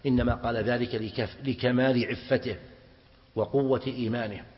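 Sheikh giving a slow mosque lesson. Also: male voice, mid-range voice, steady tone. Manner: slow, deliberate explanation, quizzing students. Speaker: sheikh teaching a classical text. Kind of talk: mosque lesson explaining hadith. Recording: dull reverberant hall recording.

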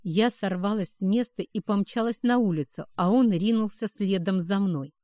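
A woman narrating a first-person story as an audiobook in an even storytelling manner. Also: mid-range voice, moderate pace, dry recording, clean studio sound.

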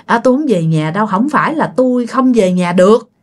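A woman's voice: medium pitch, expressive, brisk, close to an everyday voice. A woman with a Southern Vietnamese accent voicing the tearful, vengeful ghost of a murdered husband in a told ghost story. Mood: stubborn.

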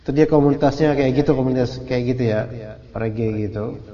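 A man's voice: medium pitch, fast talker, warm tone. A man teaching an Islamic book study in a casual, joking, colloquial way. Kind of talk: kitab study lecture. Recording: muffled hall recording with audience.

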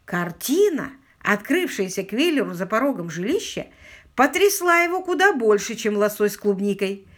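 A woman narrating an audiobook with expressive storytelling. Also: mid-range voice, normal speed. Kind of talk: scripted narration.

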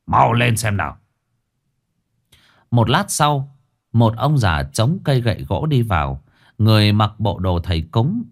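Expressive male ghost-story narrator. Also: mid-range voice.

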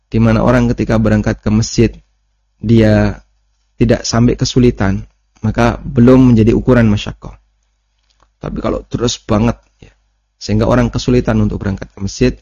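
A man teaching a religious study lesson, explaining rulings in a calm, conversational way and often checking in with listeners. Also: mid-range voice, dry recording. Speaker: Islamic teacher. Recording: dull lo-fi recording.

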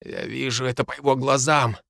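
A man's voice: medium pitch, little pitch movement, fairly quick, vocal fry, no room sound, studio quality. A man doing a wounded, begging nobleman. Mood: urgent. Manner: hushed, shaky and pleading.

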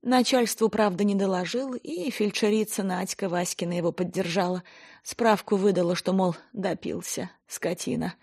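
A woman's voice: mid-range voice, moderate pace, a little mellow, slightly rough. A woman reading an audiobook voices a stern, plain-spoken older village woman telling a grim local tale. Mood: stern storytelling. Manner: plain-spoken storyteller, blunt and earthy.

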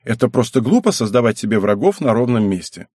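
A man voicing a calm, polite schoolgirl in an audiobook. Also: medium pitch, fairly quick, husky, no echo, clean studio sound. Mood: cool.

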